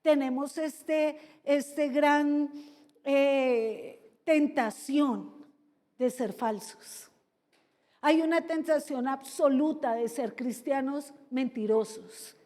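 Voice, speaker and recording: A woman pastor preaching a sermon in a lively, theatrical way, acting out the people she talks about. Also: sits high, extremely slow. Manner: lively, theatrical, acts out characters. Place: large church hall. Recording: long reverb of a big church hall.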